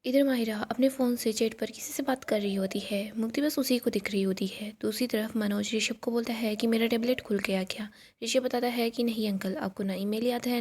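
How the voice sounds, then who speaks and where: A woman's voice: fairly high pitch, darkish tone. A woman narrating a TV serial episode in storytelling style, reading out each character's lines in her own voice.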